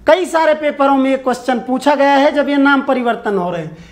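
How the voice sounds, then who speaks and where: Fairly quick and very high-voiced, a man runs an online exam-prep lecture, answering his own questions and repeating the important points. He speaks straight to his viewers and invites answers in the comments.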